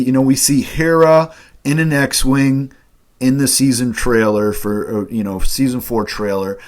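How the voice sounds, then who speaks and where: A man hosting a casual fan chat, talking enthusiastically with lots of fillers. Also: mid-range voice. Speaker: host.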